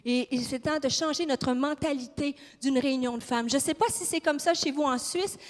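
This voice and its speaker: This is a sermon by a woman from Quebec with a Québécois accent, her high voice moving a little fast. She preaches with fire and emphasis, questioning the congregation, while the hall's long reverb rings around her.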